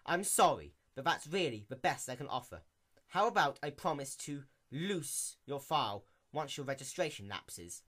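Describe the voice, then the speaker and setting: A man's voice: fairly high pitch, big pitch swings, normal speed, a bit bright. A man voicing a stern, weary female pony mayor with a theatrical, lecturing delivery in a storybook reading. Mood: pleading, exasperated. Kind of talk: dramatic reading of fan fiction.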